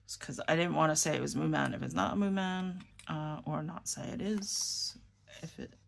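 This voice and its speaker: A fountain pen vlogger from New York chats casually while writing in a notebook, speaking in a low, creaky voice with a New York accent at a normal speed. She rambles a little, corrects herself, and murmurs as she writes.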